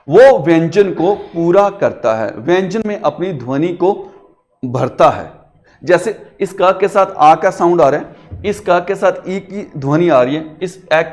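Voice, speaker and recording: A man with a somewhat high voice teaches a classroom grammar lesson. He coaxes his pupils along with questions and answers them himself. He calls them beta as he talks them through it. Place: classroom with a digital board.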